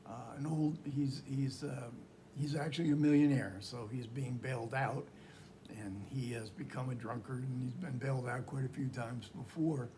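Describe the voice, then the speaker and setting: Male film lecturer, mid-range voice, informal and halting storytelling, light noise behind him. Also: mid-range voice, fairly even intonation, dark tone. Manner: halting, searching delivery with repeated phrases. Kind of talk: informal film talk recounting history and plot.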